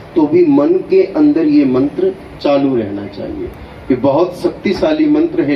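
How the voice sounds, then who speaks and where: A man acting as a guru at an initiation ceremony, giving slow, deliberate spiritual instruction and often checking that listeners follow. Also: a little high, a little hiss or hum. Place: hall at an initiation gathering. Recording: echoey, dull, distant hall recording.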